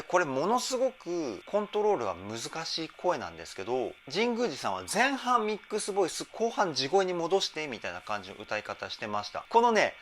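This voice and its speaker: Animated, bright-voiced male vocal coach. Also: slight background noise. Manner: enthusiastic, breaks into sung demos and falsetto examples. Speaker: vocal trainer. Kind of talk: reaction and vocal analysis commentary.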